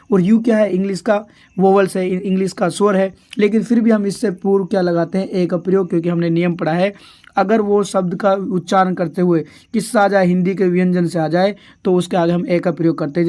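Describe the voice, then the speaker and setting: In a patient, repetitive revision lesson for an exam, a male teacher with a warm, fairly high voice poses a question, waits, and then supplies the answer himself. He keeps addressing his pupils as "dear children" and draws out English words and sentences slowly, piece by piece.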